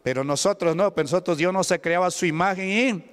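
A high-voiced Peruvian man preaches to his congregation, firing questions at them and waiting for their answers. His tone is smooth and resonant, and a long church-hall reverb trails every line. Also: quick pace. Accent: Peruvian Spanish. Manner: questioning the congregation, call-and-response. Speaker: pastor. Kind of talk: Pentecostal sermon.

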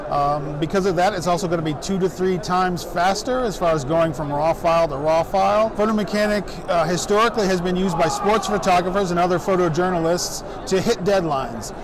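Standing at a trade show booth, a middle-aged man with a voice that sits high walks listeners through his company's photo software. The delivery is a brisk, steady sales pitch peppered with "um," set against the chatter of a crowded, noisy show floor.

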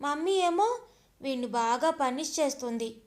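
A woman's voice: sits high, expressive, a little slow. A woman playing a tearful little boy. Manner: pleading, sobbing child talk. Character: young boy, anxious, tearful grandson. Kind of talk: audio story reading.

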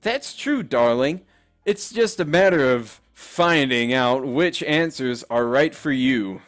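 A man's voice: mid-range voice, lively intonation, takes it slowly, soft background music. A man voicing a refined, elegant female pony with a posh manner. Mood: reassuring. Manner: posh, saying "darling".

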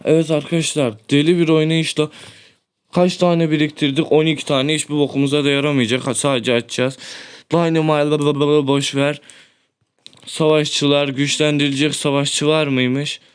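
A young man giving excited, loud gameplay commentary as a gaming YouTuber, swearing often and breaking into shouts. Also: fairly high pitch, normal speed, smooth.

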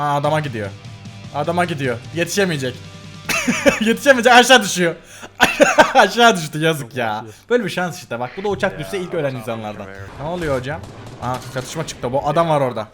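A man's voice: fairly high pitch, big pitch swings, a little fast, music in the background. A man commenting casually on funny game clips as the channel host. He laughs often, exclaims and repeats himself. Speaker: gaming video host.

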